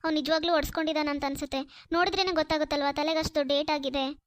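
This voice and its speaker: A woman voicing a kind, trusting young female college student in a cartoon, soft and earnest. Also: high voice, fairly even intonation, very fast, no room sound, clean studio sound, natural voice. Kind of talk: Kannada cartoon voice acting.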